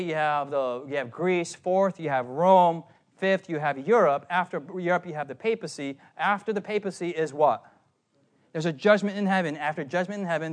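A young man preaching a sermon, animated and often asking his listeners questions. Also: sits high. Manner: animated, asks the audience questions.

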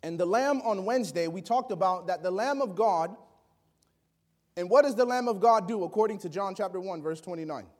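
A man preaching a sermon, swinging between loud exclamations and quiet asides and acting out the people he quotes. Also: high voice, expressive, fairly quick. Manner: acts out quoted voices.

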